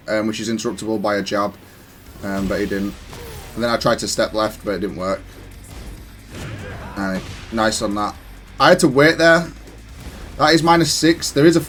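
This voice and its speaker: A man casually and analytically commentates on his own gaming match, explaining his decisions and sometimes correcting himself. His voice is mid-range, with music playing behind it and slight background noise.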